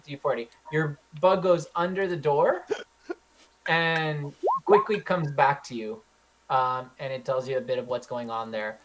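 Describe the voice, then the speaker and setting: A man's voice: on the high side, fairly even intonation, measured pace, heavy background noise. A young Californian man running a tabletop game as dungeon master, loose and hesitant with plenty of ums and uhs. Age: young adult.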